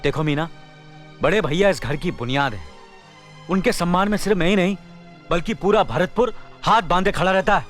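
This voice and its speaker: An actor playing a dutiful, loyal younger brother in a Hindi film, speaking earnestly. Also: male voice, high-pitched, expressive, moderate pace, long pauses, faint music behind. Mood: stern. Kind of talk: 1990s Hindi film dialogue.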